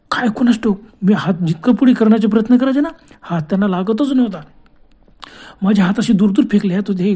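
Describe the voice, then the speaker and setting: Guy narrating his scary ghost story, warm mellow voice, earnest, keeps repeating words. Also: sits high.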